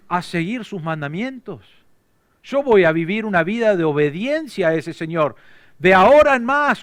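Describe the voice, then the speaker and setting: A man with an Argentine Spanish accent preaching an expository sermon as pastor, growing louder and higher for emphatic declarations. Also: no room sound, clean studio sound.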